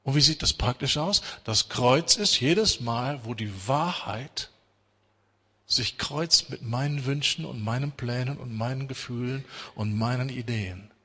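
There's a long, hall-like reverb around this middle-aged man's sermon, as he shifts between loud urging and hushed intensity with strong emphasis. His medium-pitched voice, a little slow, is husky but also bright and cutting.

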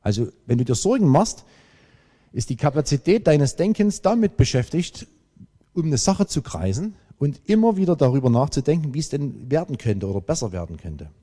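A man preaching a sermon, emphatic and lively, with dramatic pauses. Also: on the high side. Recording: long hall reverb.

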